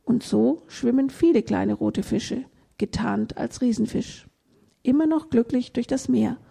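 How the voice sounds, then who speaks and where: A woman reads a children's picture book aloud in a gentle storytelling manner. Her voice is dark and mellow, with a husky, gravelly grain, and it sits a little high for a woman. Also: a little slow. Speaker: reader.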